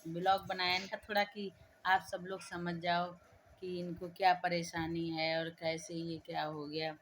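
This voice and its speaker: A woman's voice: lowish voice, little pitch movement, measured pace, a bit bright, a little hiss or hum. A woman vlogging at home on a phone, plainly explaining the daily routine of caring for a child. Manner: coaxing, repeats prompts to the child; plain, matter-of-fact explaining. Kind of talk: casual home vlog.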